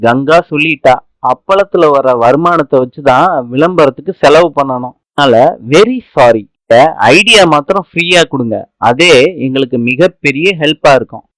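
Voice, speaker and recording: An eager young woman, earnest and talkative, who explains her work at length, as a man reads her part. The voice is fairly high and dry. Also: expressive, normal speed, fairly bright tone, no echo, low-quality recording. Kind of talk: serial recap narration.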